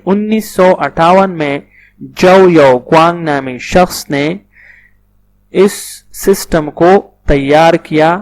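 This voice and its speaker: A man teaching a language lesson over slides, alternating careful English with quick Urdu explanations. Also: a little high, poor audio. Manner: switches between slow deliberate English and rapid Urdu.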